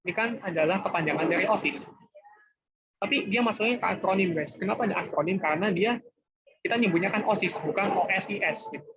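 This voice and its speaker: High-voiced young man tutoring casually. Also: quick pace, background noise. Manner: chatty, informal, often says guys and gitu. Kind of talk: casual online class explanation. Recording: dull lo-fi online class audio.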